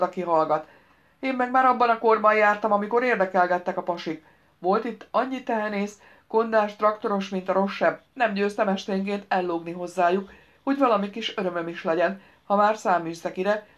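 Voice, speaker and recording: A spoiled young bride-to-be talks down to everyone around her, read by a woman. Her speech is brash, slangy and scornful, in a middle-pitched voice. It plays as a character in an audiobook. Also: a bit bright, lo-fi sound, close to an everyday voice. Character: arrogant, crude young bride-to-be.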